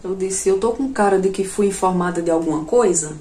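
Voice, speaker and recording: A woman doing a comic storytelling monologue, animated and jumping to shrill outbursts when she quotes herself. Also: a little fast. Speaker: comedian. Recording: echoey room.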